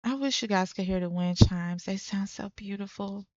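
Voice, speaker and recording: A woman's voice: mid-range voice, moderate pace, darkish tone, no room sound, dull audio. A young woman giving casual, chatty gameplay commentary to her viewers, with frequent exclamations. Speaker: let's play creator.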